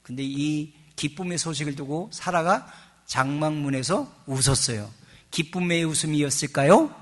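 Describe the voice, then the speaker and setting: A middle-aged pastor with a fairly high voice preaches at a normal speed, shifting between quiet asides and loud emphasis. He performs the voices of people he quotes, keeping things chatty and full of jokes.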